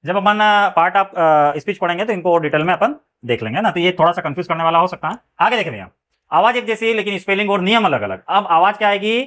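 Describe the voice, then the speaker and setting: A man with a high-pitched voice teaches English phonics in the manner of a classroom lesson. He poses a question after nearly every word and then answers it himself. He often follows a point with a quick check that everyone is with him. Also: expressive, a bit bright.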